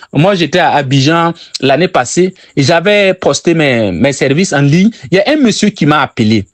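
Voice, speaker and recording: A man's voice: fairly high pitch, no room sound. A man from Burkina Faso with a Burkinabè French accent, teaching sales techniques and repeating his key phrases for emphasis. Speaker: sales trainer.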